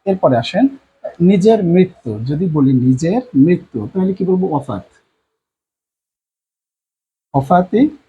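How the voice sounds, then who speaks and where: A man teaching a language lesson at a board, repeating each word slowly and often, with many drawn-out fillers and a Bangladeshi Bengali accent. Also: high voice, very animated, warm tone, breathy edge, highs cut off.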